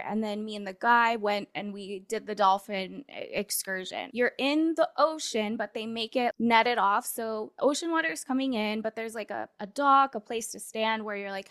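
A woman's voice: a little high, a bit bright. Rambling woman podcast co-host. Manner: rambling, filler-heavy storytelling. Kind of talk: casual chat.

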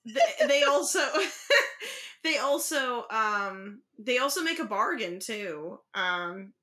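A woman co-hosting a casual book podcast, talking in a chatty, halting way and retelling scenes. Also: on the high side, big pitch swings, pushed and bright. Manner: chatty, halting with fillers and restarts. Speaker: podcast co-host.

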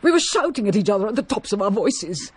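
A woman's voice: medium pitch, very animated, quick pace, husky, dry recording. A woman playing a blunt, brusque countrywoman in a radio drama, distraught after a shock. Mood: urgent.

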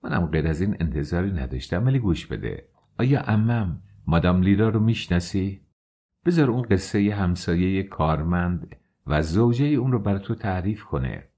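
A man voicing a bold, sharp-tongued young courtesan in an audiobook, speaking in a taunting way. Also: deep voice, animated, breathy edge, heavily acted. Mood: teasing.

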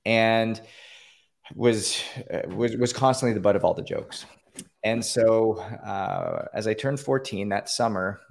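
Gravelly, low-voiced Canadian-born man. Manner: earnest, with many fillers and restarts. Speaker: podcast guest. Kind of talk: personal story in an interview. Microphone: call-in line.

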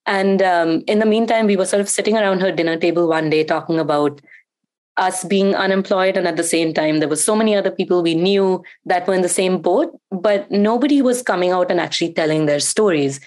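A woman's voice: fairly low pitch, fairly quick, a little mellow. A woman guest telling her story in an earnest, reflective way during a casual interview.

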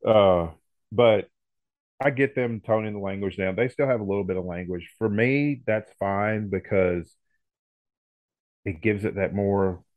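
A very low-pitched man co-hosts a casual podcast, easygoing and agreeable. He restarts his sentences often and fills gaps with "yeah". The audio is narrow and phone-like. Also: measured pace, no room sound. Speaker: podcast co-host. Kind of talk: casual chat.

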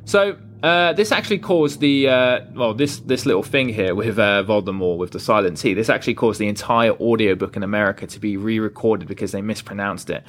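Solo podcast host, male, lowish voice, loose and rambling delivery. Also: fairly quick, few pauses. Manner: casual, rambling, with fillers and self-corrections. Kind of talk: solo film podcast monologue.

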